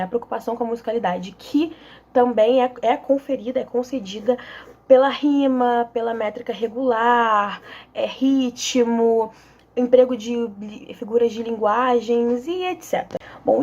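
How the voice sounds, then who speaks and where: A woman's voice: a little high, a little mellow, dull audio. A young woman with a Brazilian accent giving a casual online literature lesson, hesitant and full of fillers and restarts. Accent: Brazilian Portuguese. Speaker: student volunteer teacher.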